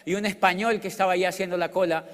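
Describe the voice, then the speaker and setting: Middle-aged Colombian man, high-pitched, animated, joking motivational speaker in a reverberant hall. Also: rapid-fire. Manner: animated, joking, bursts into loud exclamations. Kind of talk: storytelling business talk.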